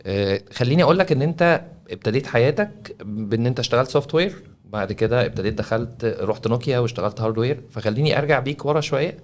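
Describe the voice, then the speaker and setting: A man with an Egyptian Arabic accent, an interviewer who asks brisk, probing questions and gives quick short replies. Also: mid-range voice, expressive.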